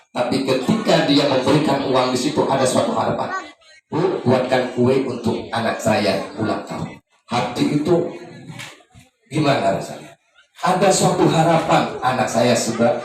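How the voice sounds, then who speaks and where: Ustaz, fairly high-pitched and lively, giving a sermon from a distance in a very echoey hall with faint music. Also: male voice. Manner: animated, rising and falling intonation, acting out parents and children. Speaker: ustaz giving advice at a birthday gathering. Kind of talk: informal sermon. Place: community hall at an Islamic boarding school. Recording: echoey room, mic at a distance, music behind.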